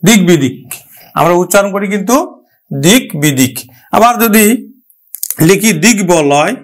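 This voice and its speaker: A man teaching a pronunciation lesson, asking himself questions and repeating each example word slowly and deliberately. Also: sits high. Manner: asks questions and answers them himself. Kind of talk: grammar lesson at a board.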